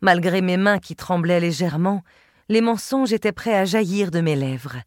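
A woman reading a literary novel aloud in a measured, expressive first-person telling, close to the mic. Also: fairly low pitch, dry recording. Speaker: audiobook narrator. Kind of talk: literary audiobook narration.

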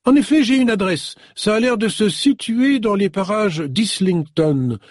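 A man's voice: high-pitched, measured pace, no room sound, clean studio sound, pitched above the performer's own voice. A man reading an audiobook, voicing a chatty, rambling woman on the phone. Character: chatty contralto-voiced woman employer. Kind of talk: audiobook character voice.

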